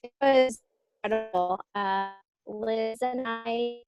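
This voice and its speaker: A woman's voice: fairly high pitch, fairly even intonation, takes it slowly, music in the background. A woman sharing on a group call from her cell phone. Her connection keeps cutting out, so her words break up and the endings get clipped. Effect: choppy, cutting-out connection with clipped word endings. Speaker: team member on a group call. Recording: distant, dropping cell phone line.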